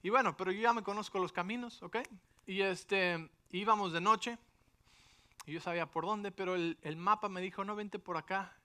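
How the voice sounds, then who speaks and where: A man's voice: high-pitched, normal speed. A middle-aged man, a pastor telling a personal story in a sermon and checking in with his listeners often. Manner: animated storytelling with frequent rhetorical asides.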